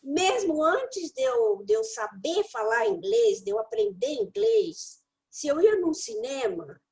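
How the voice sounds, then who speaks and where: A woman English teacher mentors her listeners with practical study tips. Her voice sits high and moves through a wide, animated range. She speaks directly and playfully to the audience. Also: a little slow, gravelly, low-quality recording.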